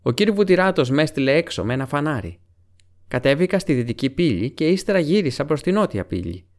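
A flustered hobbit servant, as a man voices him, speaks a little raised and hurried. He sounds eager to report what he saw, in an audiobook figure voice. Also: a little high, very animated, voice pushed up.

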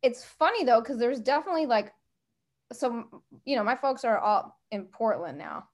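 Somewhat high and expressive, a middle-aged woman from the American West Coast speaks at a normal pace as a podcast guest. The talk is a casual chat built on anecdotes and conversational asides.

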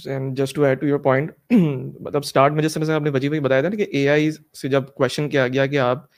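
A man's voice: medium pitch, little pitch movement. A man in a casual discussion, laying out his points step by step and mixing English into Urdu. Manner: explanatory, lecturing tone, mixes English into Urdu. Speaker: guest in a discussion.

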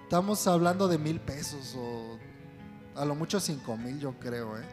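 A man's voice: a little high, moderate pace, a little mellow. A man preaching a sermon, calling on the congregation to repeat words after him. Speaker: pastor. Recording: long hall reverb with faint music.

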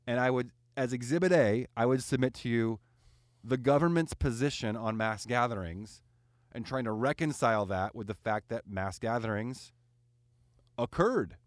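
A man hosting a casual podcast, talking his opinions through in a rambling, animated way with fillers and restarts. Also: mid-range voice, moderate pace, no echo, clean studio sound.

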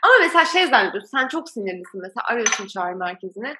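A young woman chatting casually, telling a story about her old call center job in an animated way and laughing often. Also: medium pitch, very fast, background noise. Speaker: former call center worker.

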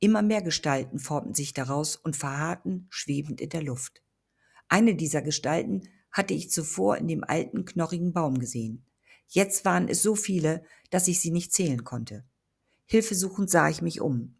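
A woman narrating a story in the first person with calm, steady storytelling. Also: sits low, moderate pace, gravelly, husky. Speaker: audiobook narrator.

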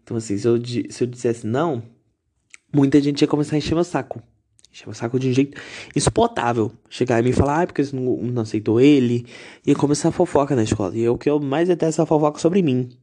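A man's voice: mid-range voice, quick pace, warm tone. Teen male vlogger, chatty, dramatic storyteller, self-mocking. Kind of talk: casual storytelling to camera.

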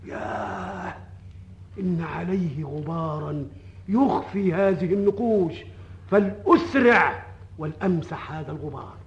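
High-voiced Ma'ruf, excitable folk-tale wanderer. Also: male voice, measured pace, dull audio, noisy background. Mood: animated storytelling. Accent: Egyptian. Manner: theatrical storytelling. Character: excitable, timid male folk-tale wanderer telling his fortune. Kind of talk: old radio drama acting.

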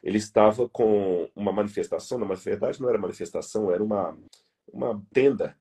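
A man's voice: fairly low pitch, brisk, warm tone, breathy edge. A man from Brazil with a Brazilian Portuguese accent, a guest arguing earnestly in an interview, emphatic and repeating key words. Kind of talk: earnest conversational argument.

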